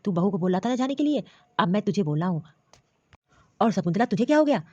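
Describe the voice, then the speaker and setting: A woman's voice: medium pitch, sing-song, fast, mellow, no room sound. A woman voicing a stern but caring elderly father-in-law in a cartoon story, scolding and commanding. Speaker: cartoon voice actor. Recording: dull lo-fi dry recording.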